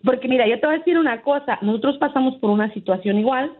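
A woman's voice: sits high, fast talker. A woman calling a radio show who tells a family story at length, chatty and often asking "¿verdad?". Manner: chatty, keeps saying "¿verdad?". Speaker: radio caller. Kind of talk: phone-in storytelling. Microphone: telephone. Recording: tinny phone line.

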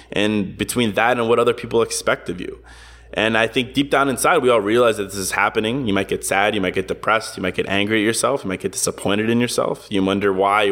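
A man's voice: fairly low pitch, fairly bright tone. A man hosting a podcast, talking earnestly and conversationally in a reflective motivational monologue, often adding "you know" and "right". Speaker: podcast host.

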